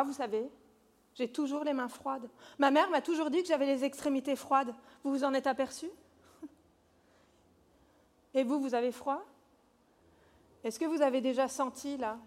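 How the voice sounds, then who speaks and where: A woman plays a playful, seductive spirit of chance with a bright, high voice. She coaxes and teases like a fairground barker, then drops to a hushed, intimate hush. The delivery is theatrical stage monologue. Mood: intimate, sultry. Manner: playful, coaxing, theatrical, swinging between loud calls and hushed asides.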